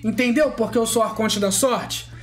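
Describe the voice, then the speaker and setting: A gaming streamer speaks at normal speed in a very high-pitched voice, excitedly commentating his gacha pulls over soft background music. He brags, taunts, draws out chanted catchphrases, and lets out loud shouts and laughs at lucky pulls.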